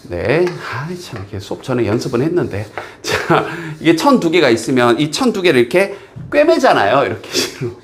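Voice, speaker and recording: In an energetic class, a man from South Korea walks through an English test passage, taking the English sentences slowly but rushing through his explanations. His pitch is medium, and there's slight noise in the background.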